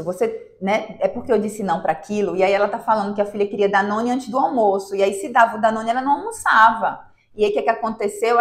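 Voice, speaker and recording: A woman giving parenting advice to mothers in a lively, conversational live talk, sometimes acting out how children whine. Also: on the high side, roomy sound. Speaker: parenting coach.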